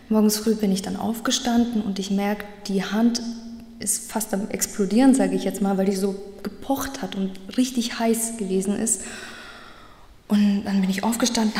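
A woman's voice: medium pitch, mellow. A woman sharing a personal faith testimony in an earnest, reflective way. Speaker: medical practice assistant sharing a faith testimony. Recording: echoey room with long reverb.

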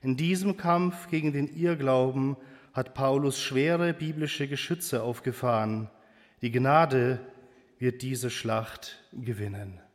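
A man preaching a sermon in a church, speaking slowly and hesitantly with pauses and fillers. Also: mid-range voice, in a large hall.

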